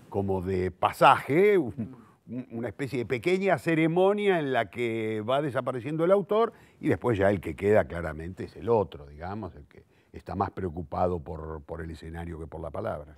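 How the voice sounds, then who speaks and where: A lowish, very animated man talks at a moderate pace with no room sound. He's a Rioplatense Argentine Spanish speaker in his sixties who works as a playwright, director and theatre teacher, and in this interview he is eloquent and reflective, self-correcting and thinking aloud with searching repetitions of words.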